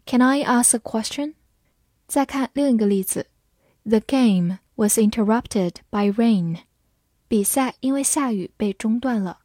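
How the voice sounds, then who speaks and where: A woman gives a scripted vocabulary lesson at an unhurried, measured pace. Her voice is mellow and sits a little high, and she spells each word letter by letter before reading the examples slowly. The sound is dry and close, with no room around it. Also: dry recording. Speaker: English vocabulary teacher.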